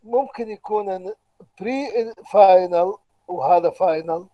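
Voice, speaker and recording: A man's voice: high voice, unhurried, dull audio. A male lecturer with an Iraqi Arabic accent, patiently explaining step by step in an online university lecture and asking the class questions. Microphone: computer microphone, online lecture.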